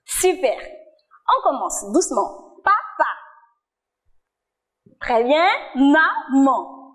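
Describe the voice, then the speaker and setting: A woman teaching a children's church lesson, leading a sign language game with slow, encouraging words and frequent praise. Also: high voice, big pitch swings, fairly bright tone. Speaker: children's Sunday school teacher. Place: church TV studio.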